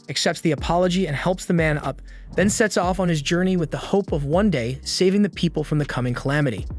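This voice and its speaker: A man with a fairly high voice narrates a scripted story recap. He keeps it casual and a little slangy, and soft music plays quietly under him.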